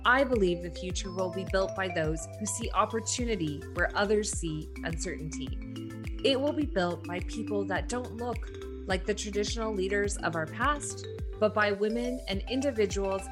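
A woman's voice: mid-range voice, normal speed, music in the background. A woman hosting an interview podcast, reading introductions and asking questions with upbeat enthusiasm. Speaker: podcast host.

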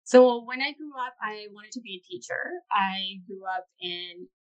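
A woman from Indonesia, an entrepreneur guest, answering interview questions in a relaxed way with many fillers. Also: mid-range voice, normal speed, dull audio.

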